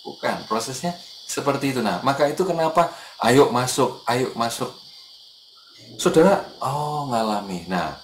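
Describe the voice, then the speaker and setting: A man preaching a casual morning sermon to his congregation, chatty and animated, acting out the people he quotes and dropping into soft murmured prayers. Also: on the high side, reverberant, slight background noise. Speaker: evangelist preacher.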